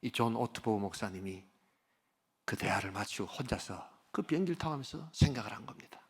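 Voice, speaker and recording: An older man, a pastor, preaching a sermon with animated storytelling and sometimes dropping to a whisper. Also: on the low side, brisk, husky.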